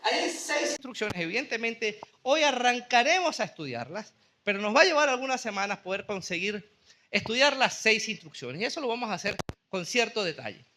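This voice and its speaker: A man pastor preaching a sermon in a church, earnestly slowing down on key phrases for emphasis. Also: high voice, sing-song, pushed and bright. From Venezuela.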